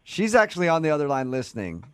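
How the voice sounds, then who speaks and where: A man's voice: a little high, very animated, fast. A man hosting a radio show, teasing and pushing a caller with questions. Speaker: radio host. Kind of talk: radio show prank call.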